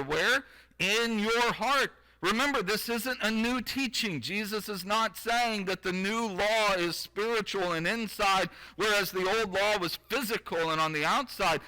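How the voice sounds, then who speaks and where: A man's voice: sits high, bright, forceful tone, low-quality recording. A man preaching a sermon. He reads scripture aloud, then explains it in a conversational way, with wry asides to the congregation.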